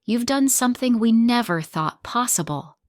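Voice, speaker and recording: A woman voicing a middle-aged mother in a storybook narration, speaking softly and hesitantly with a warm pride. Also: on the high side, lively intonation, moderate pace, dry recording, clean studio sound, pitched above the performer's own voice, lightly acted. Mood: soft proud. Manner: soft and hesitant, then warmly proud.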